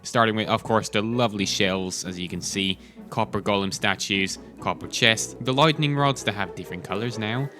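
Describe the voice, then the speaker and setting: Bright-voiced man chatting enthusiastically. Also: on the low side, normal speed, faint music behind. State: chewing gum. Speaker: host. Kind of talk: gameplay commentary.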